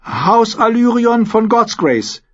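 A man's voice: extremely high pitch, sing-song, pitched above the performer's own voice, full character voice. A man voicing a nervous, eager young male squire who talks shyly and hurriedly, in a storybook reading. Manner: shy and hurried, gaining confidence. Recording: dull lo-fi audiobook recording.

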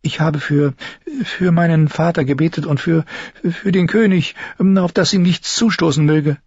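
A man's voice: fairly high pitch, fairly even intonation, a little mellow, husky, dry recording, voice pushed up. A man voicing a frightened, timid young girl who stammers and halts, in a slightly dull recording. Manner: stammering, halting.

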